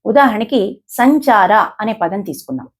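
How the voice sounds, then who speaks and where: A woman teaches how to pronounce shlokas, speaking deliberately and sounding out each example. Her voice is slightly husky and fairly high. Her pitch moves about a lot as she stresses the sounds. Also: expressive. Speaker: advocate teaching shloka pronunciation. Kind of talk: explanatory lesson.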